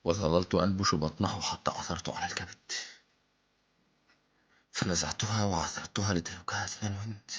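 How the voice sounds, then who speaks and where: A man's voice: mid-range voice, a little fast, long pauses, slightly rough, natural voice. A man acting a tormented, remorseful killer in a hammy, declamatory theatrical verse monologue. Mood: haunted, hushed. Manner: hammy, declamatory, swinging from hushed to shouted. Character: Wahshi, tormented remorseful killer confessing his guilt. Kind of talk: theatrical stage monologue in classical Arabic verse. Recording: dull lo-fi recording.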